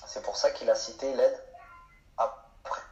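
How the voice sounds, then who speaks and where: A man's voice: medium pitch, steady tone, a little slow, a little mellow. Man teaching grammar in an echoey room. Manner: asks questions and answers them himself. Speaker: Arabic teacher. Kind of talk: explanatory lesson. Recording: echoey room, dull sound.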